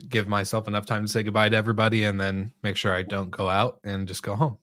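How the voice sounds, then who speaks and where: A man co-hosting a hospitality podcast, chatting in a relaxed, friendly way and laughing easily. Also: lowish voice, fast talker, no room sound, clean studio sound. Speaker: podcast co-host. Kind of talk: casual chat.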